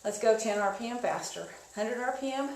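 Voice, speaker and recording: A woman's voice: fairly high pitch, a little fast, a little mellow. A woman leading an indoor cycling class, giving encouraging coaching cues and guided instruction. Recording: echoey room with faint noise.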